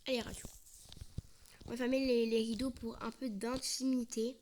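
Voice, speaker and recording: A woman's voice: a little high, level tone, moderate pace, darkish tone, a little hiss or hum. Chatty young woman gaming, slipping into whispers. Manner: chatty, often drops to a whisper, playful with characters. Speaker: gaming video creator. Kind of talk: casual let's-play commentary.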